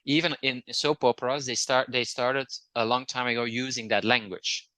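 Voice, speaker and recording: A man's voice: mid-range voice, steady tone, normal speed, pushed and bright, dry recording. A man from Belgium with a Flemish accent and Dutch as his native language, explaining things in casual conversation, often hesitating and repeating words. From Belgium, near the Dutch border. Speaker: interview guest.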